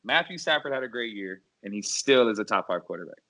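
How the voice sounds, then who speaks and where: A man's voice: lowish voice, expressive, fast talker, a bit bright, dry recording. A man co-hosting a casual sports podcast who sticks bluntly and confidently to his opinions. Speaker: podcast co-host.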